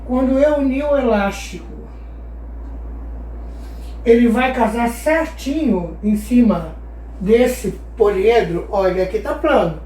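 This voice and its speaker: A woman's voice: on the high side, slow pace, pauses often, warm tone, slight background noise. A woman teaching a math lesson, patiently asking her class questions and answering them herself. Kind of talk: explaining a geometry lesson. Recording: echoey room, voice far from mic.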